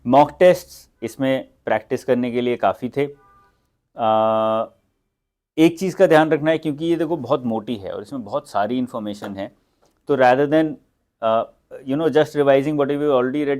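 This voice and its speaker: This young Indian exam prep educator has a mid-range, slightly mellow voice. His teaching feels relaxed and chatty, a Hindi delivery sprinkled with English phrases and frequent filler words.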